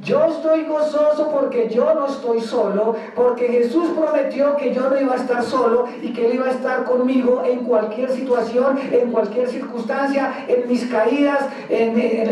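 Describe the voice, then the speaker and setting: A man's voice: extremely high pitch, darkish tone. A man from Colombia, a pastor preaching an emphatic sermon and acting out the words of believers. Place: church. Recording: very echoey church hall, mic far.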